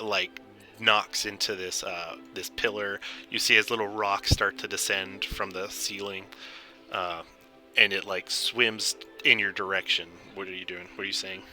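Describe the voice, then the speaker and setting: Low, very bright-voiced male game master. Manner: halting, informal, searching for words. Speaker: dungeon master. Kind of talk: casual, improvised tabletop game narration. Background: background game music.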